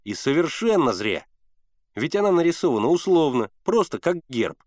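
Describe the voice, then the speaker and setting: An impatient, dismissive teenage boy in a storybook, voice pitched up and pushing hard, the pitch leaping all over, as a man reading aloud puts him on. The sound is close and dry. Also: very animated, dry recording. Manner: hurried, insistent, grumbling.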